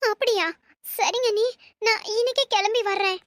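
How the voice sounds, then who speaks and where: A woman voicing an anxious young married daughter who answers in short, hurried lines in a cartoon story. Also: very high-pitched, dry recording, clean studio sound.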